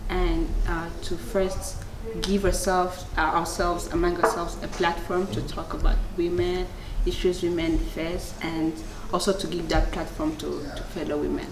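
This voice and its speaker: A woman's voice: lowish voice, level tone, measured pace, echoey room, noisy background. A woman who works as a marketer answers hesitantly in a group interview.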